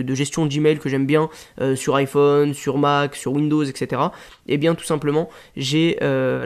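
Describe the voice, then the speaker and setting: A man's voice: fairly high pitch, a little mellow. French man explaining a screen tutorial. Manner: casual, rambling explanations with frequent fillers. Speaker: WordPress tutorial host.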